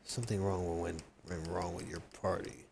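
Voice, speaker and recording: A low-pitched man chatting loosely while he streams a game. His talk rambles and jokes, with a faint hiss of noise behind him. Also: steady tone, normal speed, creaky, darkish tone. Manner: joking, rambling, sings snatches of songs. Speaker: gaming livestreamer. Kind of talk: casual gaming chat with a friend.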